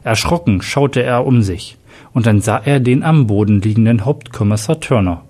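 Man narrating, mellow voice. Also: medium pitch, normal speed. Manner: steady storytelling read. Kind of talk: scripted narration.

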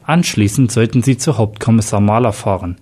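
A man's voice: on the low side, a little fast, darkish tone, husky. A man as a stern police chief. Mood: commanding. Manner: commanding, clipped orders. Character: stern middle-aged male police chief.

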